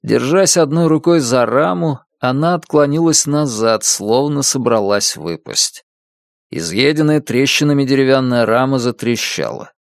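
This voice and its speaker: A man narrating an audiobook thriller in an even, measured reading voice. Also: medium pitch, creaky, no echo, studio quality.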